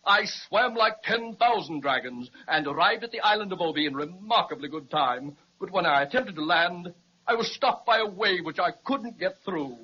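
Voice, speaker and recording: The Crazy Quilt Dragon, high and husky. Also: male voice, expressive, normal speed. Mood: boastful. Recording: dull lo-fi 1930s radio recording.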